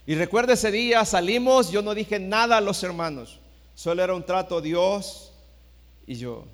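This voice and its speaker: A middle-aged man, preaching a sermon as a pastor, telling a story that swings from hushed quotes to shouted lines. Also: high voice, normal speed, long reverb tail. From El Salvador.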